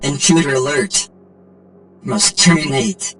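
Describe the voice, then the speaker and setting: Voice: mid-range voice, slow, fairly bright tone, slight background noise. An actor voicing a malfunctioning ship robot with a glitching robot voice and clipped, mechanical phrasing. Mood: alarm. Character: malfunctioning ship robot with flat, repeating alarms.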